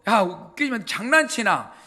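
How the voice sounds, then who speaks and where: An arrogant giant of a warrior, as a preacher puts him on, taunting. He jeers and swaggers in a very high, bright voice. It comes from a sermon retelling. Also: sing-song, moderate pace, heavily acted. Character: huge mocking male giant warrior, arrogant.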